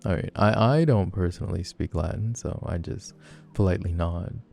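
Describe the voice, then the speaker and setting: Man playing a teasing, gravelly low-voiced flirty guy. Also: moderate pace, a little mellow, faint music behind. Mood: playful, rambling. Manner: teasing, playful, rambling. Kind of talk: flirty personal-attention role-play, casual chat.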